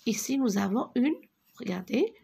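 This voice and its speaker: A woman teaching a reading lesson for young children, speaking slowly and deliberately, repeating words and sounding out syllables. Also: on the high side, animated, creaky, warm tone, slightly rough. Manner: drops to a whisper on single words.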